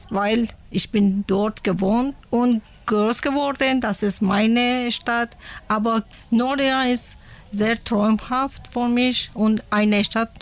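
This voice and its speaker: A woman from Iran, answering interview questions in halting German, often pausing to search for words. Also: fairly high pitch. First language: Persian. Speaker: interviewee, mother. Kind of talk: casual radio interview.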